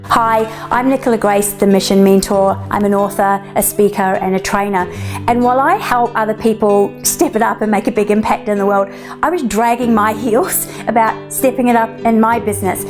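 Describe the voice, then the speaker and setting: A woman, an author and trainer, giving an upbeat, energetic testimonial. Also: mid-range voice, normal speed, soft background music. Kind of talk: testimonial to camera.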